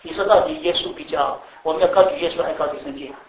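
A man preaching a sermon to a class, animated, repeating words, laughing and asking the audience questions. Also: on the high side, rapid-fire, distant mic. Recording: echoey room, speaker off-mic, faint background noise.

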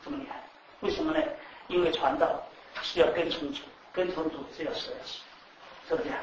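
Animated high-voiced male preacher, echoey hall. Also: fast, creaky, distant mic. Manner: animated, repeats words, laughs, asks the audience questions. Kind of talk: sermon. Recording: echoey room, speaker off-mic, faint background noise.

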